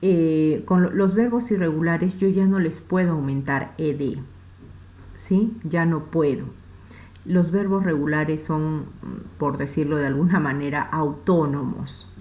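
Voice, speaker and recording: Slow, low-voiced woman teaching a class. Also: fairly even intonation, warm tone, poor audio. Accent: Peruvian Spanish. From Peru. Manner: patient, repeats points with frequent checks. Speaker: English teacher. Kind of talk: recorded online class.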